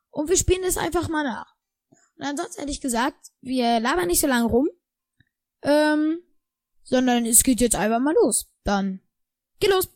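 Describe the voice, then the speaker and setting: Very high-voiced bickering woman. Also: darkish tone. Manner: boastful, bickering. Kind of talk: improvised role-play.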